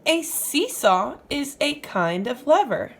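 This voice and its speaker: A woman with a high, slow voice that swings widely in pitch reads aloud to young children like a teacher. She explains things as she goes and asks the listener questions.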